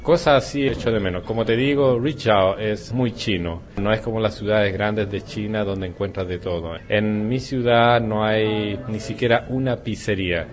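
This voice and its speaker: A Chilean man who teaches Spanish answers interview questions in a relaxed, wandering way, hesitating now and then. He has a Chilean Spanish accent and a lowish voice.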